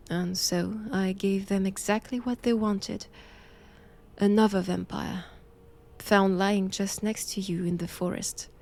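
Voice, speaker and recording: Here a woman portrays a Vatican nun, solemn and assured, who hunts for knowledge about vampires, speaking hushed and deliberate with a French accent. Her mid-range voice is creaky, the mood grave and resolute, with slight background noise in this intimate audio roleplay.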